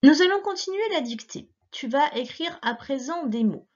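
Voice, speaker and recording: A woman teacher giving a patient, slow syllable dictation to a child, spelling out letters one by one and softly breathing out the sounds. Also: sits high, lively intonation, dull audio.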